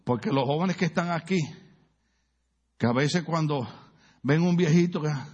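A man's voice: on the high side, moderate pace, a little mellow, husky, dull audio. A middle-aged man with a Puerto Rican accent preaching a humorous sermon, telling stories, acting out voices and asking the congregation questions. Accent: Puerto Rican Spanish. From Puerto Rico. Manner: storytelling, asks the congregation questions, acts out voices. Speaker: pastor.

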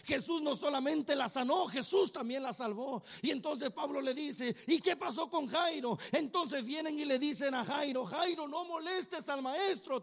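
A male preacher telling a sermon as a dramatized story, acting out the voices of its characters and swinging between hushed lines and shouts. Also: very high-pitched.

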